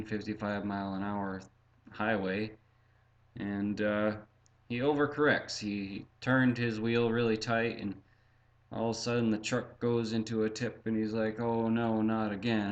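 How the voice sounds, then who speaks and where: A man recounting his own past in a halting, reflective way, full of fillers and restarts, often speaking of himself in the third person. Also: fairly low pitch, muffled recording. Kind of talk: personal storytelling.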